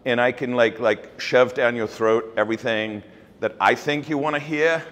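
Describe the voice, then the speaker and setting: Speaking at a normal speed in a steady, fairly bright medium-pitched voice, a middle-aged keynote speaker with a South African accent talks casually and bluntly. He sounds sure of himself and uses lots of fillers and restarts, his words echoing with long reverb through a large open office event space.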